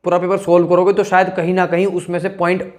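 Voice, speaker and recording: A man's voice: high-pitched, monotone, quick pace, darkish tone. A male teacher giving exam advice to students in a blunt, scolding way, checking in with them again and again. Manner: blunt, scolding, keeps asking "ठीक है ना".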